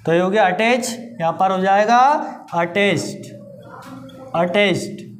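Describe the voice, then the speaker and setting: A teacher giving a grammar lesson, asking rhetorical questions, answering them and slowly repeating each answer. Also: medium pitch. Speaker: English teacher. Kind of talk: classroom-style grammar lesson. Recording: roomy echo with faint background noise.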